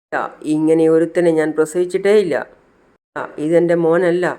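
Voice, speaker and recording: A distraught middle-aged mother repeats her anguish in a fairly high voice, as a man acts her out. She speaks in the wounded tone of a retold family serial. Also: little pitch movement, normal speed, mellow, smooth, natural voice. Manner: anguished, disowning.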